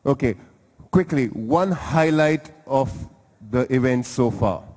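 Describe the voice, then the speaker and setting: A man's voice: medium pitch, animated, slow, darkish tone. A man from India hosting a live event, chatting playfully and teasingly with guests in the audience. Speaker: event host. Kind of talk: lively crowd interviews. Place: large event hall. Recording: hall reverb from a live venue.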